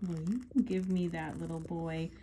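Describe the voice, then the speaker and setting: A woman voicing a talking cloud in a storybook, gentle and slow. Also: sits low, level tone, a little hiss or hum. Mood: asking. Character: talking cloud wanting a helper.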